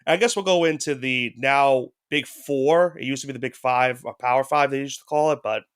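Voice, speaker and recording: A sports podcast co-host with a head cold talks in a smooth, medium-pitched voice at normal speed. He keeps it casual and loose, rambling with frequent restarts and hedges.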